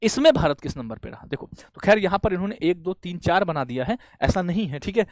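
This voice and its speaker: A male exam-prep teacher giving a classroom-style lecture, firing quick questions at students and answering them himself, with frequent friendly fillers. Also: high-pitched, very animated, no room sound. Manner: asks quick questions and answers them himself, says "bhaiya" and "theek hai" often.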